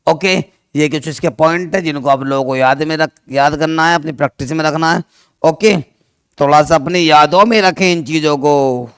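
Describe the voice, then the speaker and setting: A man teaches chemistry online in a loud, projecting voice that sits a little high and comes across smooth and crisp. He keeps calling his students dear children, throws questions at them and answers them himself, mixing two languages. The sound is dry, with no room echo. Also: steady tone, moderate pace.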